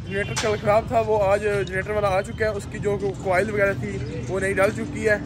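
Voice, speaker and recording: A man's voice: sits high, level tone, normal speed. A young man from Pakistan with a Punjabi-tinged Urdu accent, vlogging from a rooftop construction site and explaining the work to viewers. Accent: Punjabi-influenced Urdu. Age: young adult. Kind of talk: casual vlog walkthrough. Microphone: phone camera held at arm's length. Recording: noisy outdoor phone recording.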